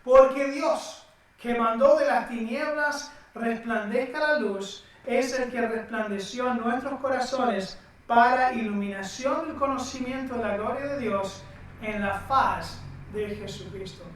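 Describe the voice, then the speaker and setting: Brief: slow, emphatic preacher, echoey room, mic set back. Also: mid-range voice, distant mic, a little hiss or hum. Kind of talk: sermon.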